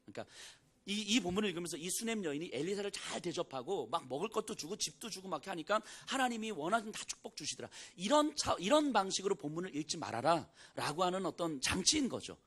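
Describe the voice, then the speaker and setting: A male pastor preaches in a casual, storytelling tone, slipping into characters' voices as he retells the scripture. His voice sits a little high and moves up and down with lively intonation. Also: fast talker, husky. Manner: conversational preaching, acts out biblical dialogue in casual speech. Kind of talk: sermon.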